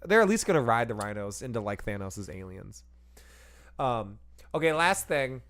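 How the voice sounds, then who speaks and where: Casual podcast co-host, male, rambling and profane, mid-pitched, laughs a lot. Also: very animated, normal speed, a bit bright. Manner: rambling, profane, laughs often, acts out silly voices. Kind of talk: casual movie review chat.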